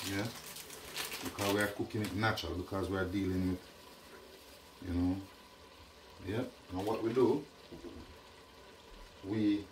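A middle-aged man hosts a casual cooking demonstration in a small home kitchen, talking chattily and checking in with "yeah?" and "you know what I mean?". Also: lowish voice. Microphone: camera mic at a distance. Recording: echoey kitchen, distant camera mic, noisy.

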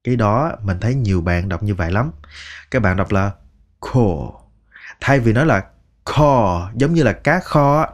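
A man with a Vietnamese accent teaching English phrases, slowly repeating each word one at a time. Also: fairly low pitch, expressive. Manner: slow, patient, repeats words one by one. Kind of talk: language lesson narration.

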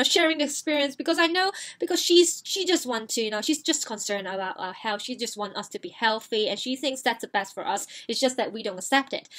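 Animated woman telling a storytime vlog. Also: sits high. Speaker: vlogger.

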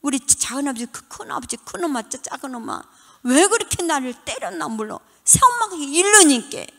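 A woman's voice: high voice, normal speed, long reverb tail. Older woman giving a dramatic testimony. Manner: animated storytelling, dramatic retelling of childhood. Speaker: church deaconess giving testimony. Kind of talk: emotional church testimony. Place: church.

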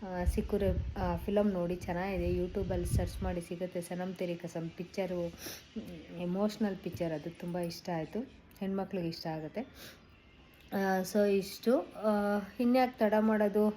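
A woman's voice: fairly low pitch, fairly even intonation, measured pace, pauses often, mellow, a little hiss or hum, low-quality recording. A middle-aged woman, chatting casually to her viewers in a rambling way with many fillers. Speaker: vlogger. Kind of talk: casual chat to camera.

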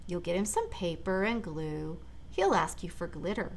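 A middle-aged American woman with a lowish, sing-song voice reads a children's storybook expressively at normal speed, chatting to young listeners between lines. She's in a large living room indoors, and background room noise is clearly present.

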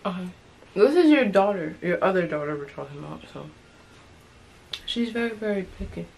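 A woman's voice: on the low side, lively intonation, a little fast, creaky, darkish tone. A woman chatting casually and complaining while she eats spicy food on camera. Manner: protesting, whiny, laughs at herself. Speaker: vlog co-host. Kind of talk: casual chat while eating.

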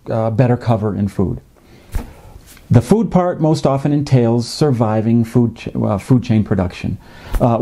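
A man in his fifties explains fishing in a measured, educational way, with frequent "uh" fillers. He sits in a home office. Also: medium pitch, mellow. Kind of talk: educational narration. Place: home office with a desktop computer.

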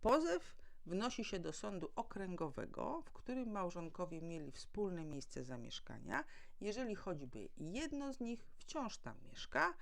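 A woman with a lowish, gravelly voice presents as a legal adviser and mediator, giving listeners a formal, didactic explanation. She poses questions and then answers them herself.

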